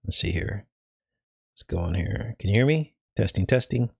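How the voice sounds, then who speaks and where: A man's voice: on the low side, lively intonation, moderate pace, creaky, a little mellow, breathy edge. A man hosting a livestream, talking casually to viewers while his audio glitches and cuts out. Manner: talks straight to viewers, chuckles at his own remarks. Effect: glitchy livestream audio cutting out. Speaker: livestream host. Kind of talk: casual opinion commentary.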